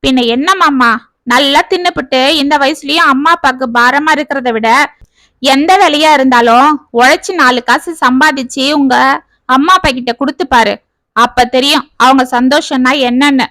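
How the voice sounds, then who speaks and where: A woman's voice: high-pitched, steady tone, normal speed, no echo. A woman voicing Sumathi, a bold teasing village girl. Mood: mocking. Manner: sharp, scolding, mocking. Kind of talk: storybook reading.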